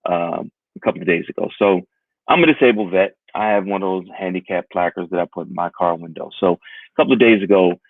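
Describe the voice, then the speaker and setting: A low-voiced man speaking bluntly and profanely in a casual podcast chat. His voice comes through a narrow, tinny, phone-like line, dry with no room echo. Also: fairly quick. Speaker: podcast co-host.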